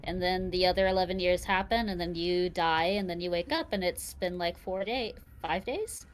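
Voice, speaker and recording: A woman's voice: lowish voice, moderate pace, slight background noise, low-quality recording. A woman playing her character in a tabletop game, talking bluntly and chattily. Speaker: player. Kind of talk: in-character tabletop role-play.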